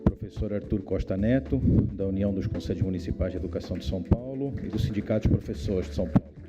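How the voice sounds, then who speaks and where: A man's voice: deep voice, quick pace, over loud music. A man from Portugal with a Portuguese accent moderating a conference debate in a hesitant, self-deprecating way, using fillers as he calls the speakers. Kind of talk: formal moderation.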